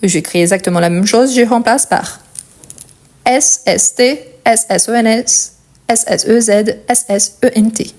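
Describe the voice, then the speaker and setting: A woman's voice: fairly high pitch, measured pace, a little mellow. A woman with a Portuguese accent teaching a French conjugation lesson, explaining patiently step by step and checking in often with the learner.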